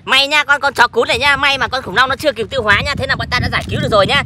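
A woman in playful pretend play with toys, boasting like a little hero with excited exclamations. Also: high-pitched, rapid-fire. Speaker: toy play video host. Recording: loud noise and crowd behind.

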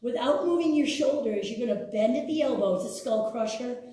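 A middle-aged woman speaks as an aerobics instructor, in a high, soft-edged mellow voice. She gives short, encouraging exercise cues and counts. The sound is distant, picked up across a very echoey studio. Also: brisk. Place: large indoor exercise studio with hard floor. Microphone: far camera. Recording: roomy echo, distant camera mic.

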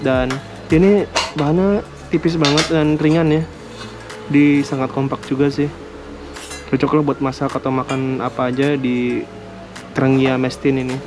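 A man casually unboxing and reviewing camping gear at a table indoors, talking in a relaxed, hesitant way with small laughs. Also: medium pitch. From Indonesia. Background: music.

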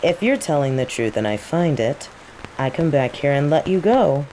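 This is an intimate scripted audio roleplay: a woman with a low-sitting voice acts as a teasing rival mage grilling a captive. At normal speed, she coaxes with casual menace and a quietly threatening mood. The low-quality recording carries steady rain in the background.

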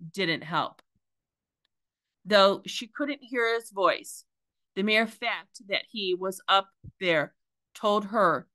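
A teacher reading a novel aloud to her class in a careful, deliberate way with small slips. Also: mid-range voice, sharp tone, no echo.

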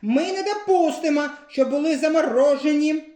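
A woman's voice: high-pitched, animated, normal speed, warm tone, roomy sound, voice pushed up. Дід Мороз, a woman playing an old protest leader. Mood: declaiming. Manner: declaiming like a speech at a rally. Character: old Grandfather Frost, solemn protest leader.

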